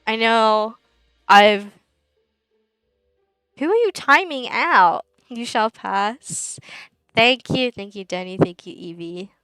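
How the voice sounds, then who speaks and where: A young woman chatting with her stream viewers, her voice fairly high and smooth. She rambles and giggles through her sentences, close to the mic in a dry room. Soft music plays faintly behind her. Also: animated, takes it slowly, pauses often, no echo, low-quality recording. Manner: giggly and rambling, often laughing mid-sentence. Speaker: livestreamer. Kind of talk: casual chat with viewers.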